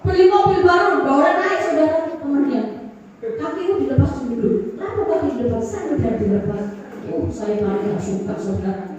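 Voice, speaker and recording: High-voiced woman pastor preaching in an echoey hall. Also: lively intonation, a little fast, darkish tone, recorded from a distance, slight background noise. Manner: preaching with call-and-response, singsong rises and sudden drops. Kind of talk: sermon. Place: large church hall.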